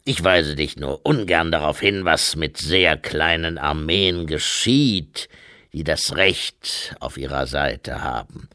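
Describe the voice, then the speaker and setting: A man voicing War, an ancient boisterous warrior growing old, in a gruff, blustery audiobook character voice. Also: rumbling low, slow, bright, forceful tone, no echo, clean studio sound, voice pushed down, exaggerated voice.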